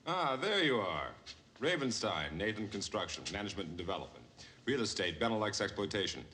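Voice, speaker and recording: Officious manager, animated, sharp-toned, formal. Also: male voice, lowish voice, a little fast, slight background noise. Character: pompous, formal male property manager. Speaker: building manager.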